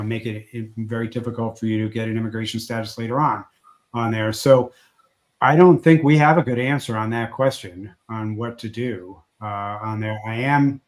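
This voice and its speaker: A man who is an immigration lawyer, giving a livestream legal update, a little hoarse and speaking haltingly with many fillers and restarts. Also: lowish voice. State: losing his voice a little.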